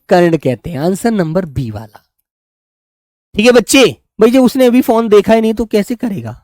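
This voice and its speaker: A man's voice: high voice, a little mellow, dry recording. Coaxing male teacher in a dry room. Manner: coaxing, addresses students as beta. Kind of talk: live online quiz class.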